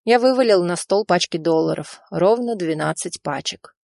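A woman reading a first-person audiobook in an even, steady storytelling manner. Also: on the low side, normal speed, gravelly, no echo, clean studio sound. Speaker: audiobook reader.

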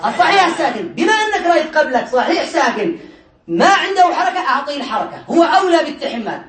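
A man's voice: very high voice, big pitch swings, rapid-fire, a bit bright, some chatter behind. A male teacher giving a classroom grammar lesson, explaining step by step and often laughing as he checks whether students follow. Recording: echoey room, mic far away.

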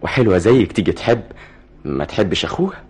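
A nervy egyptian young man in a radio play, halting then snapping, voice swings all over, husky. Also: sits low, animated, darkish tone, full character voice. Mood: tense, evasive. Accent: Egyptian Arabic. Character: tense, evasive young man on edge. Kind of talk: radio drama acting.

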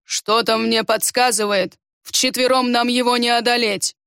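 A woman voicing a calm, grave male guard who speaks in a measured, thoughtful way. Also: fairly high pitch, smooth, dry recording, studio quality.

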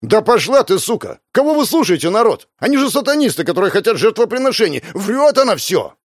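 A man voicing a hostile, drunken male football fan who shouts and chants his lines. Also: mid-range voice, sing-song, brisk, dry recording, clean studio sound, voice pushed up, close to an everyday voice. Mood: furious.

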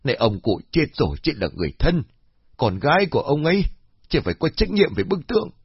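A sharp-tongued old village woman scolds and accuses in a high, lively voice, as a male narrator puts her on. The husky voice sits in a dull, lo-fi recording. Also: fairly quick, no echo, heavily acted. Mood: scolding.

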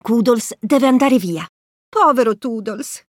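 Lively woman reading a children's storybook. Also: a little high, slow pace, no echo, studio quality. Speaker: narrator. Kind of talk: storybook read-aloud.

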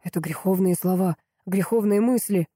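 A woman voicing a frightened, pious craftsman and young father who speaks in a hushed, fearful way. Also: mid-range voice, moderate pace, dry recording, studio quality, lightly acted.

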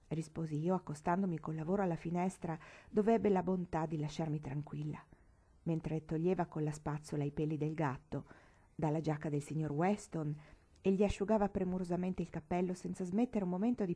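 A woman reading a novel aloud as an audiobook, in measured, clear storytelling. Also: lowish voice, warm tone. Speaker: narrator.

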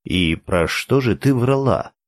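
A man's voice: mid-range voice, expressive, slow. A man reading an audiobook, voicing a blunt, practical male character who prods with dry questions. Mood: prodding. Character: blunt, practical red-haired violinist man.

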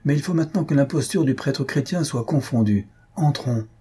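A stern, menacing Brahmin high priest, played by a man reading a storybook aloud. The voice is solemn and commanding, with a very husky, dark tone. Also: lively intonation, normal speed.

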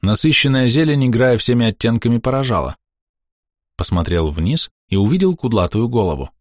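A man narrating a first-person novel as an audiobook reader, in steady storytelling. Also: medium pitch, fairly quick, dry recording, studio quality.

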